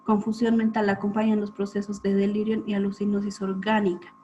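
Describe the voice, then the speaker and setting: A woman's voice: medium pitch, completely flat delivery, brisk, mellow. Woman lecturing on a dull lo-fi line. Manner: explanatory, checks in with "¿sí?". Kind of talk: clinical lecture to students. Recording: dull lo-fi recording with faint hum.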